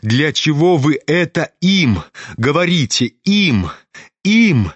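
A woman's voice: low voice, big pitch swings, slow, breathy edge, no echo, lo-fi sound, heavily acted. A man reading an audiobook voices a proud young woman in an indignant, tearful outburst.

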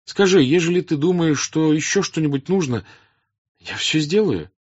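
An anxious young noblewoman pleads in a high, strained, raised voice, as a male reader puts her on. She sounds earnest and urgent, with slow, emphatic stresses. The audiobook recording is dull and dry, with no room sound. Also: expressive, a little mellow, slightly rough, no room sound. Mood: urgent pleading. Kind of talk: audiobook character reading.

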